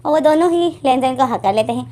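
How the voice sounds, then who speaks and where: A woman's voice: sits high, animated, fairly quick, dark tone. A woman casually retelling a fan story, chatty and simple. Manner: chatty, simple linking phrases.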